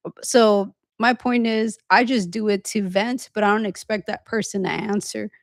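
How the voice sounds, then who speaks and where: A woman in her thirties co-hosting a podcast, talking casually in long, quick run-on stretches with few pauses. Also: medium pitch, fairly even intonation, gravelly, no room sound, clean studio sound. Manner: fast, run-on venting talk with few pauses. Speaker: podcast co-host. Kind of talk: casual conversation.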